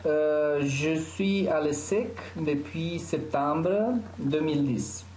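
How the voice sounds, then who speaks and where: A man with a Romanian accent, a doctoral student introducing himself haltingly with constant filler sounds. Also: fairly high pitch, a little mellow, reverberant, a little hiss or hum. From Bucharest, Romania. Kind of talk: self-introduction.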